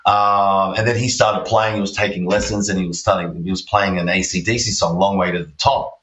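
A deep, low-voiced Australian man chats in a loose, rambling way, full of ums and you-knows. His voice sits back from the mic in a roomy space. The audio is dull and muffled. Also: steady tone, a little fast, a bit bright, far from the mic. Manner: rambling, laid-back, many fillers. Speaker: guest guitarist. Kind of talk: casual storytelling interview.

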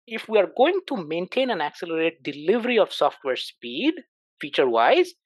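A middle-aged man speaking as a podcast guest, his pitch swinging widely as he drives his points home. He poses rhetorical questions and answers them himself. The recording is dry and close, with no room sound. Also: moderate pace, husky, dry recording. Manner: animated, emphatic, rhetorical questions. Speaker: startup CEO, podcast guest. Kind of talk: conversational interview answers.

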